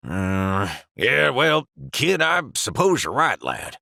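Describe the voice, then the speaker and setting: A gravelly, bright-voiced mentor pen from a cartoon. He swoops widely in pitch as he coaxes and teases, calling everyone lad. The sound is close and dry. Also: sing-song, slow, dry recording, exaggerated voice. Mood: coaxing. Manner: jokey, calls others lad and laddie. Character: older male pen, calm, teasing office mentor. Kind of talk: animated cartoon voice acting.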